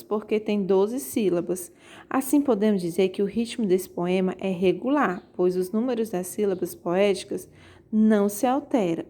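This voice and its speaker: A woman's voice: mid-range voice, dark tone. A woman teaching a poetry lesson to her students, explaining step by step and often checking in with them. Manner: explains slowly, checks in with "tá certo?"; reads verses aloud slowly. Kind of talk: remote class lesson.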